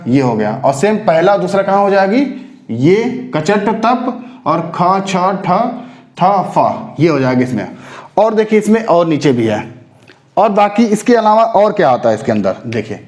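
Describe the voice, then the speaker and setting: A man's voice: high-pitched, expressive, moderate pace, a little mellow, reverberant. A man teaching a Hindi grammar lesson for exam preparation, explaining step by step and answering his own rhetorical questions. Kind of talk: classroom-style lesson for exam prep.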